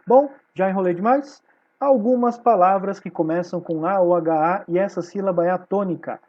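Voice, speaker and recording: A woman's voice: lowish voice, moderate pace, dull audio. A woman with a Brazilian Portuguese accent teaching a Spanish class online. She explains patiently and keeps checking in with her students.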